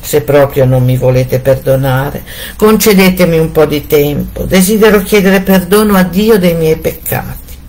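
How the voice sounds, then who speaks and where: A woman's voice: low voice, moderate pace, darkish tone. A woman voicing a young, terrified wife who pleads and calls out anxiously. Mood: imploring. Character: young terrified wife begging for her life.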